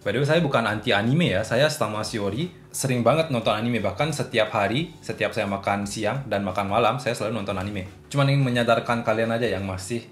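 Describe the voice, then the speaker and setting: A man's voice: fairly low pitch, brisk, hardly any pauses. Chatty man teaching in a roomy space. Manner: chatty, explains patiently with spoken examples. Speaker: Japanese language teacher. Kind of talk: casual video lesson. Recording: roomy echo with faint music.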